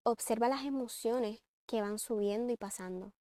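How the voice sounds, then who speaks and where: Earnest woman with a warm, dry voice. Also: on the high side, moderate pace, no echo. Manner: earnest, advising, shifts between calm and emphatic. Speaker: parenting speaker. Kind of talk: reflective talk on a book.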